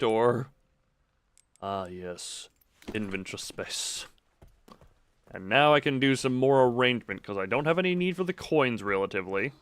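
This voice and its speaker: A man provides casual live commentary on a video game, rambling and cutting himself off as he thinks aloud, full of playful, self-deprecating wordplay. His voice sits at medium pitch, clear and resonant.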